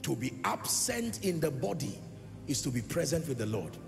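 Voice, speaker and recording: High, gravelly preacher in a reverberant hall. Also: male voice, big pitch swings, normal speed. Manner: preaching with sing-song swells and sudden loud rises; asks the congregation questions. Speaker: pastor. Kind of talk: sermon. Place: large church hall. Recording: long hall reverb with music behind.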